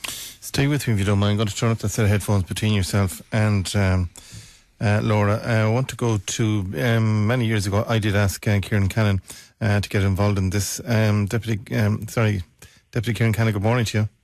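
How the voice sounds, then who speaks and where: Irish male radio presenter, lowish dry voice, informal halting interviewer. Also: steady tone, darkish tone, no echo. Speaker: radio host.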